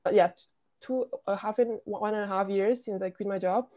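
A woman's voice: medium pitch, fairly even intonation, a little fast, dark tone. A woman, a programmer and founder, talking casually as an interview guest, with lots of restarts and "like". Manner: chatty, frequent "like" and restarts.

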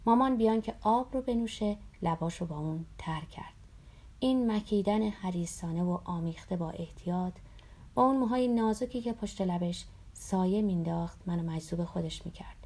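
Somber woman reading a memoir. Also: on the low side. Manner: calm, somber storytelling. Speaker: narrator.

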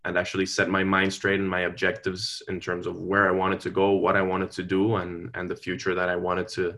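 Deep-voiced and utterly flat, this young adult man from Venezuela talks fairly quickly with a fairly bright tone. As a university student in a conversational interview, he gives earnest, polite answers made of long careful sentences and small restarts.

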